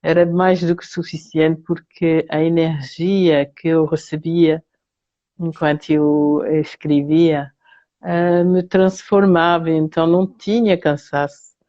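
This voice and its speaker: Slow, soft-toned older Frenchwoman. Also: deep voice, level tone, highs cut off. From France. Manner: slow, hesitant and reflective. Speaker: guest therapist. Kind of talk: live video interview.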